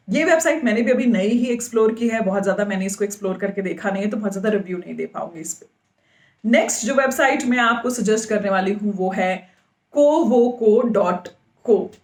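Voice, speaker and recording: A woman with a slightly high voice hosts a podcast and gives advice in a casual way. She explains each point step by step and spells names out letter by letter. Her voice rings in an echoey room. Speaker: podcast host.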